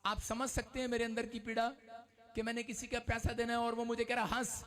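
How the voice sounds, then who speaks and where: A male pastor preaching an emotional sermon, often shouting. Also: very high-pitched, monotone, a little fast.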